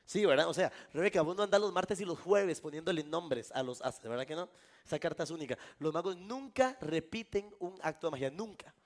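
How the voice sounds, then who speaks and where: A Costa Rican man performing a live magic trick on stage, joking with a volunteer and the crowd. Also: fairly high pitch. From Costa Rica. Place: live event before an audience.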